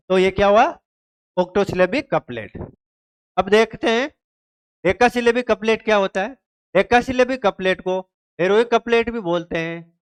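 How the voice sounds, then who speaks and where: Smooth-voiced male teacher, slow. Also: high voice. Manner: asks the class questions and answers them himself, repeats key terms. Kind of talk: exam-prep literature lesson.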